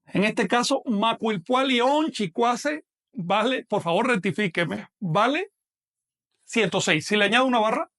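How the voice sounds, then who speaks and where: A man's voice: high-pitched, expressive, unhurried, fairly bright tone. A man teaching a live online lesson, patiently explaining step by step and asking questions that he then answers himself.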